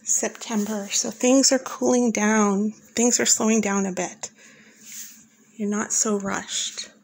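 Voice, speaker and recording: A woman who farms flowers and hosts a channel narrates a scripted, month-by-month guide. Her mid-range voice is calm and slow, and she speaks instructively, straight to the listener, though the audio quality is poor.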